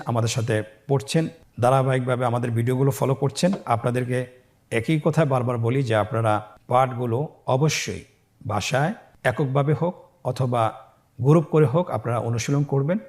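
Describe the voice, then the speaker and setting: A man teaching Quran reading in a recorded lesson, slowly spelling out syllables and calmly guiding learners. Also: mid-range voice. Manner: slow, drawn-out syllable-by-syllable spelling drills; calm, patient instructing tone.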